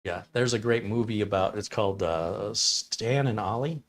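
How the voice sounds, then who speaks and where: Here a middle-aged live stream host reads chat and chats casually at a moderate pace in a lowish voice. He's a rambling storyteller who gives the lines he quotes their own distinct voices.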